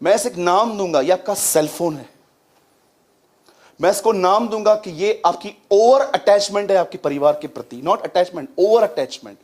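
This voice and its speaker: A man delivers a sermon in a fairly high voice. He keeps turning to the congregation with questions and leans hard on the scripture he quotes. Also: normal speed, a little mellow. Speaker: preacher.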